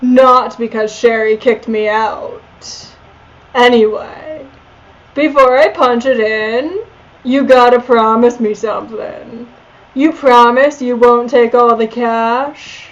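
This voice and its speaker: A woman's voice: on the high side, slow, dull audio. A woman voicing a nervous, down-on-his-luck man in a game, who rambles anxiously.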